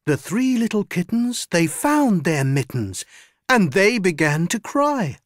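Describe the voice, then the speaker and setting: A woman reciting nursery rhymes in an expressive storytelling manner. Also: fairly low pitch, takes it slowly, no room sound, clean studio sound. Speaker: rhyme reader.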